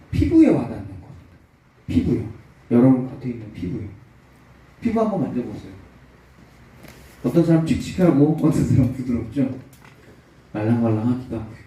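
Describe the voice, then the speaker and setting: A man's voice: medium pitch, mellow, heavy reverb, recorded from a distance, poor audio. A male pastor preaching a sermon, telling a story with acted-out quotes and building to emphatic peaks. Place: church sanctuary.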